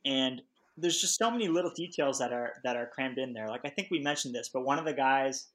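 A man's voice: mid-range voice, brisk, a bit bright, poor audio. A man co-hosting a book podcast, talking in a thoughtful, reflective way. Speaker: podcast co-host. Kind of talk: casual book discussion.

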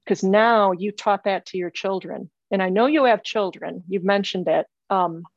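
Woman psychic medium, halting and repetitive, dry close sound, dull lo-fi audio. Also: mid-range voice, no room sound. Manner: halting, repeats phrases, earnest and insistent. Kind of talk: psychic reading session. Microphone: remote call.

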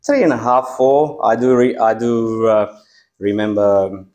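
A man's voice: fairly low pitch, steady tone, unhurried, darkish tone. A man in his forties from Romania, native Romanian speaker, telling childhood stories as a guest in a casual interview, laughing often and using many fillers.

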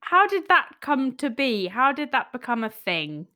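A woman's voice: high voice, big pitch swings, unhurried, pushed and bright. A woman hosting a podcast interview in a casual, chatty and enthusiastic way. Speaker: podcast host.

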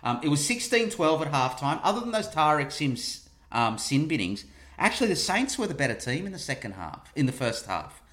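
A man's voice: a little high, sing-song, fairly quick, a bit bright. Wry male sports podcast host. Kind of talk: casual review and banter.

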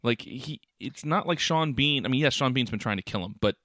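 A man co-hosting a podcast in a casual chat, talking in an animated, rambling, exclamatory way. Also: medium pitch, brisk, no echo. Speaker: podcast co-host.

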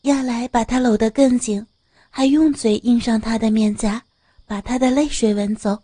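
A woman narrating an audio story in a smooth, steady reading voice. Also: on the high side, moderate pace, no echo.

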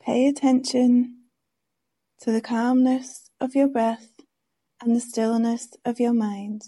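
A woman leading a guided meditation with gentle, soothing, unhurried instructions. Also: on the high side, flat delivery.

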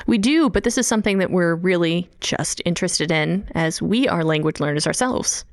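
A native English-speaking woman co-hosting a podcast as a psychology lecturer, asking questions in a brisk, upbeat way. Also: fairly low pitch. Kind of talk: podcast conversation.

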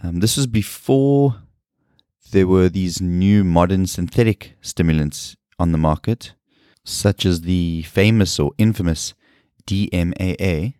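A man in his thirties, hosting a solo podcast, speaking with a scratchy and hoarse voice in an earnest, explanatory way. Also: low-pitched, dark tone, no room sound, clean studio sound. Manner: earnest, explanatory, with fillers and pauses. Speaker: podcast host and personal trainer.

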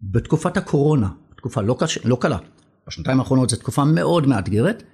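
A middle-aged man with an Israeli accent, a company's country manager, is the guest in a conversational business interview. His voice is medium-pitched, expressive, slightly mellow and husky, and he speaks emphatically, repeating phrases for weight.

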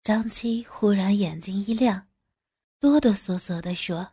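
A woman narrating a story in the first person, with unhurried, plain storytelling. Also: medium pitch, dark tone, husky, no echo.

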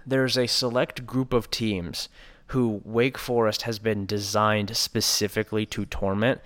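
Man, lowish voice, rambling sports podcast chat, dry sarcastic asides. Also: little pitch movement, unhurried, a bit bright. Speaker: podcast co-host.

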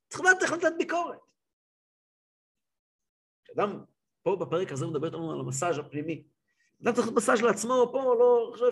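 A man with a high-pitched voice teaches a religious class as a rabbi. He tells stories with gusto, acts out the scenes and repeats words as he builds to the point. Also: vocal fry, husky. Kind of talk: lively storytelling lesson.

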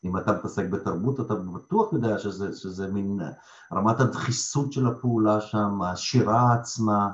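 A man being interviewed as a theatre director, telling stories conversationally and repeating phrases for emphasis. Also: lowish voice. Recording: echoey room, slightly dull sound.

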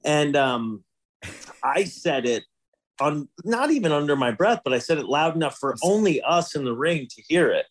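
A man's voice: a little high, big pitch swings. A man hosting a podcast, joking around with crude humor. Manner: joking, crude, slow drawl. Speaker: podcast host. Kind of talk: casual podcast chat.

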